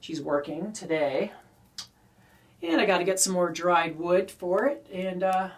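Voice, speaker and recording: A man's voice: high voice, unhurried. Canadian man chatting over his pipe, distant mic. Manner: talking while smoking a pipe. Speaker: pipe-smoking video creator. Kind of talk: casual rambling chat to viewers. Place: small wooden garden shed. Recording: distant mic, poor shed acoustics.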